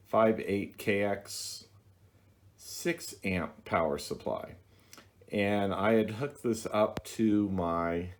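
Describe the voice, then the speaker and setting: A man with a lowish voice hosts a hobby video, casually demonstrating something hands-on. He speaks in a plain, methodical manner with frequent halts.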